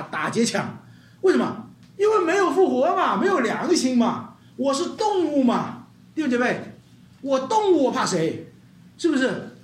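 A pastor preaching with emphatic rhetorical questions and calls for the congregation to repeat after them. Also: sits high. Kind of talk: sermon. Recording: roomy hall sound with faint guitar.

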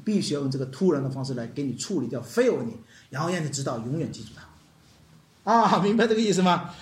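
A preacher giving an animated sermon, dropping English words into the talk and asking the congregation questions. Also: mid-range voice. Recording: echoey hall.

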